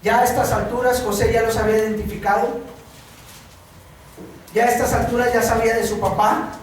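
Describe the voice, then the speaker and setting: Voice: mid-range voice, flat delivery, brisk, slight background noise. A preacher with a Mexican Spanish accent giving a sermon in a church hall, speaking in a repetitive, emphatic cadence. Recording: very echoey hall, mic far off.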